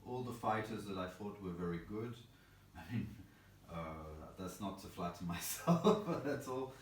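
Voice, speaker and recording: A man from England, a chess boxer appearing as an interview guest, answers casually in a thoughtful, rambling way, with lots of fillers and a self-deprecating touch. His voice is lowish at a moderate pace, and the recording sounds roomy and distant with faint background noise.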